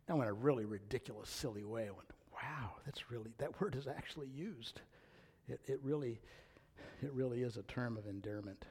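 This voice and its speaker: An older man preaching a sermon, reading scripture aloud and swinging between loud, emphatic declarations and hushed, near-whispered lines. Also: mid-range voice, husky. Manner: reads scripture aloud with rising intensity. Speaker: pastor.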